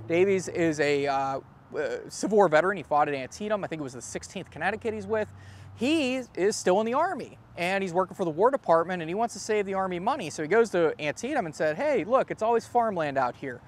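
Lively outdoor tour guide man. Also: a little high, slight background noise. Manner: lively storyteller, gestures widely, reads notes from a phone. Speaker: tour host and historian. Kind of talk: live outdoor history talk. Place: outdoors in a grassy churchyard. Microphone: clip-on lapel mic.

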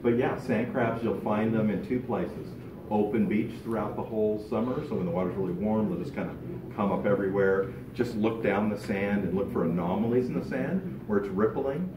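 A middle-aged man speaks animatedly and casually to a club gathering, his voice on the low side. He is recorded from across a large meeting room, so the sound is distant and roomy with steady background noise. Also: fairly quick, dull audio. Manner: animated, gestures a lot while talking. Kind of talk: informal talk to a fishing club. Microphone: far camera, no mic. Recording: echoey room from far off.

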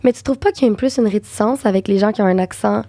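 A woman's voice: mid-range voice, warm tone, no room sound. A young woman with a Québécois French accent, an actress chatting candidly as a guest in an interview. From Quebec. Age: young adult. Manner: candid, chatty, quick agreeing replies. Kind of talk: casual interview chat.

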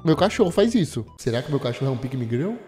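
A man's voice: medium pitch, big pitch swings, over loud music. A young man with a Brazilian Portuguese accent hosting a react video, joking in a slangy, casual way. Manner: jokey, slangy, drawn-out asides.

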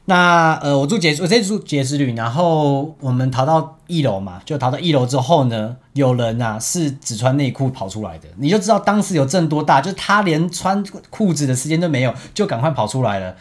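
A young man speaks Mandarin with a Taiwanese accent, telling a story in a loose, chatty way over gameplay. His pitch leaps up and drops back constantly, which makes him sound lively. He laughs often between sentences. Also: a little fast, few pauses. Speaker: esports team captain.

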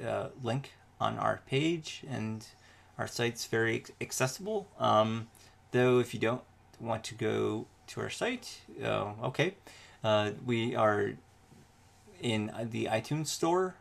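Podcast guy getting interviewed, gravelly voice, keeps trailing off with lots of ums. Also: fairly low pitch. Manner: halting, trails off and leaves sentences unfinished. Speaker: podcast host being interviewed. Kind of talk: casual interview.

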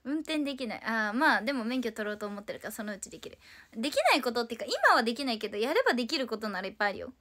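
Racing along with big pitch swings, her high voice sounds pushed and bright. She's an idol livestream host from Tokyo, Japan, in her twenties, chatting playfully and casually on her own as she answers viewer comments.

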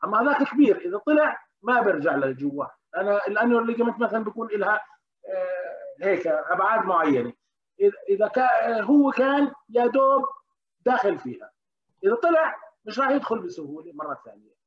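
Fast, high-voiced man lecturing. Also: big pitch swings. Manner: questions the class, frequent hesitations. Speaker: medical lecturer. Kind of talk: interactive university lecture. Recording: dull lo-fi recording.

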